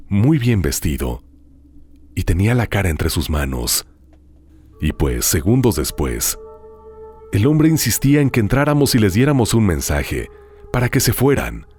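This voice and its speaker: A man hosting a show, reading listener horror stories aloud in a dramatic, hushed storytelling manner with drawn-out pauses. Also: low-pitched, husky. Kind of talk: scripted horror narration.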